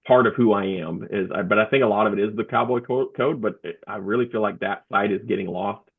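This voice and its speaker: A man talking as an interview guest, a comedian and motivational speaker, telling his story in a halting way with many restarts over a remote call. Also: fairly low pitch, gravelly, breathy edge. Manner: halting, with frequent restarts and fillers. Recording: tinny phone-like remote line.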